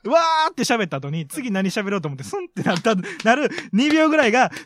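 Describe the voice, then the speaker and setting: A man co-hosting a casual chat with a Kansai accent, telling stories in an animated way and acting out quotes. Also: extremely high pitch, quick pace, slight background noise. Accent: Kansai Japanese. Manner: animated storyteller, acts out quotes with laughs. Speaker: podcast co-host.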